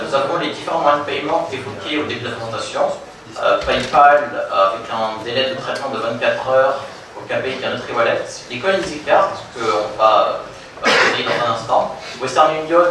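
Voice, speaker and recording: At a meetup, a young man gives a live product demo to a seated audience in a conference room with a projector screen. He is halting, with many fillers and restarts, and his average-pitched, slightly bright voice sounds distant. The room is very echoey, with a faint hum underneath.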